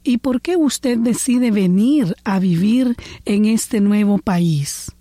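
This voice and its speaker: A woman hosting a talk show, introducing the topic in a calm, scripted, measured way. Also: medium pitch, no room sound. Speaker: host.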